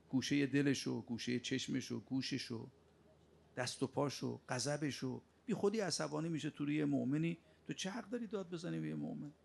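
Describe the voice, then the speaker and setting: Gravelly guy preaching, fires off rhetorical questions, scolding tone. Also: a little high. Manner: rebuking, with sharp rhetorical questions. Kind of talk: sermon.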